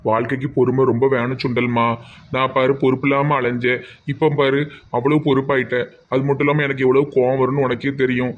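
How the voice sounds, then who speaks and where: A man's voice: mid-range voice, close to an everyday voice. A man voicing a reformed auto-driver husband in a comic cartoon, with a Tirunelveli Tamil accent and a lecturing, advice-giving manner. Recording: tinny phone-like sound.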